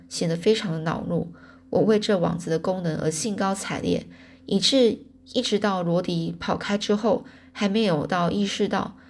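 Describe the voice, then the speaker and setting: A woman's voice: lowish voice, gravelly. A woman reading a novel aloud as a storyteller, casually adding her own explanations. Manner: casual, adds spoken explanations to the text.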